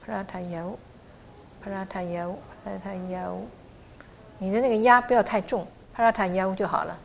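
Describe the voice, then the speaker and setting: A middle-aged woman teaching a class to pronounce a chant, patiently encouraging students and sounding out syllables slowly. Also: mid-range voice, fairly even intonation, gravelly, a little hiss or hum. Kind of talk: pronunciation lesson.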